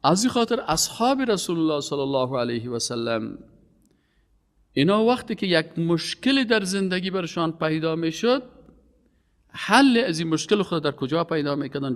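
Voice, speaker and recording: Man, preaching a religious lesson, emphatic rises and low drops, long hall reverb. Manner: emphatic preaching, voice rising on key words and falling low. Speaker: Quran teacher. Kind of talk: religious lecture.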